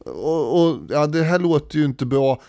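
Clear-voiced man telling history. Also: fairly high pitch, no room sound, clean studio sound. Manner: animated retelling with frequent fillers. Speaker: podcast co-host. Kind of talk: casual history storytelling.

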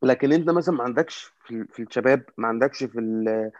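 A man with an Egyptian Arabic accent in casual football discussion, halting and repetitive as he searches for words. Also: medium pitch, a little mellow, no echo, muffled recording. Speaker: football fan commentator.

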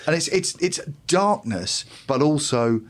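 A man's voice: on the high side, very animated, slow pace. A man with a British accent, discussing culture discursively and slipping into imagined quotes as he explains. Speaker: panel commentator.

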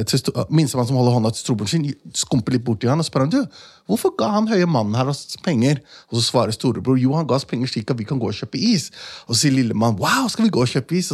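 Man, podcast guest, earnest storyteller, middle pitch, plain voice. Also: husky. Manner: earnest, acts out quoted voices. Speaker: guest, founder. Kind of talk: personal storytelling. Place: studio in a city.

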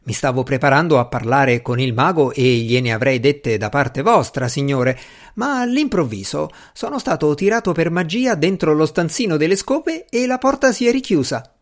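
A shrill, squeaking male asylum attendant, bruised and outraged, who bursts out in complaint, as a male reader puts him on. His high voice leaps about with lively swings of pitch in this audiobook scene. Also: moderate pace. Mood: aggrieved. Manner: shrill, aggrieved, protesting. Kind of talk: audiobook character reading.

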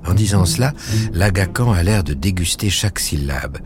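A man narrating a story in a calm, measured storytelling voice. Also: low voice. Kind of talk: scripted narration. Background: music.

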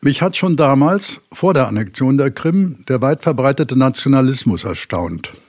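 A man, a former school official, giving a prepared account in a calm, matter-of-fact way. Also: mid-range voice, moderate pace.

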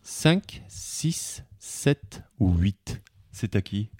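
A man hosting a casual podcast quiz, jovial and quick to laugh, pausing on fillers as he reads questions into a table microphone. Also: lowish voice, sing-song, darkish tone. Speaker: quiz host.

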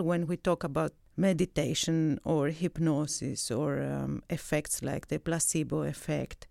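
Speaking in a deep, creaky, slightly mellow voice on a dry studio recording, a woman from Greece in her thirties answers interview questions thoughtfully. She is a research associate and PhD candidate and occasionally pauses to find the right words.

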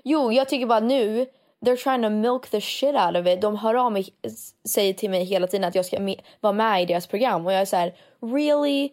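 A young woman in casual chat who tells animated stories and switches between Swedish and English. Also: mid-range voice.

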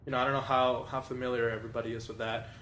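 A young man from Venezuela, a podcast guest chatting casually, laughing often and filling pauses with ums and you-knows. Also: medium pitch, little pitch movement, a bit bright, a little hiss or hum. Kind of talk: casual chat. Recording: roomy echo.

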